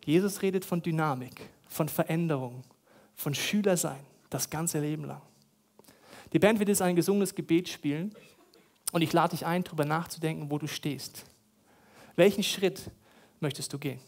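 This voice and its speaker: A man's voice: on the high side, moderate pace, pauses often, darkish tone. A man preaching a sermon, retelling stories dramatically and repeating phrases for emphasis. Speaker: pastor.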